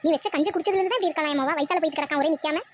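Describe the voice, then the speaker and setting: A woman's voice: high voice, rapid-fire, natural voice. Woman doing a fussing old mother-in-law. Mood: worried. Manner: worried, scolding. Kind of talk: cartoon voice acting.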